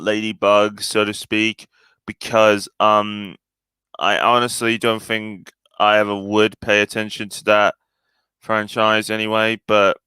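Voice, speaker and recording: A man's voice: lowish voice, pushed and bright, smooth, no echo. A man chatting casually on his own live stream, hesitant and full of fillers and restarts.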